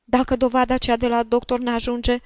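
A woman voicing a pushy, indignant old woman petitioner with a shrill, squeaky voice, on a dull lo-fi recording. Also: completely flat delivery, smooth, no room sound, close to an everyday voice. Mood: pleading. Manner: whining, indignant, loud.

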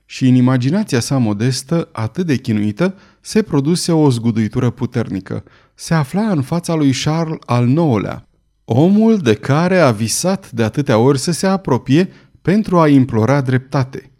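A man reading a novel aloud as narrator, in a measured, expressive way. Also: mid-range voice. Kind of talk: audiobook narration.

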